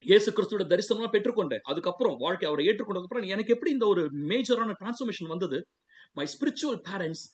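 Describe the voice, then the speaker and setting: Pastor guy preaching his testimony, voice jumps all over, lots of hallelujahs, kinda dull muffled sound. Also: high voice. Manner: animated preaching, repeated hallelujahs, switches into English. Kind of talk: sermon with personal testimony.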